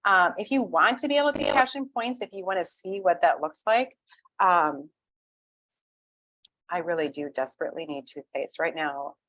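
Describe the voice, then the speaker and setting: A woman's voice: lowish voice, moderate pace, a bit bright, dry recording, poor audio. A woman walking viewers through an online order in a chatty screen-share tutorial, with many "ums" and frequent "okay?" check-ins. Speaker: essential oil wellness advocate.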